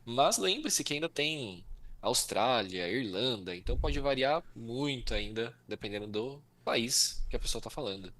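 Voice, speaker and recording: A man's voice: medium pitch, expressive, normal speed, a bit bright. Friendly Brazilian male co-host. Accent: Brazilian Portuguese. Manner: friendly, chatty, comments on pronunciation. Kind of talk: casual chat in an online lesson.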